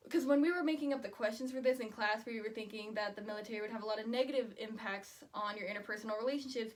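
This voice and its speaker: A woman student giving a prepared oral presentation on her research in an earnest, explanatory manner. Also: on the high side. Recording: distant microphone.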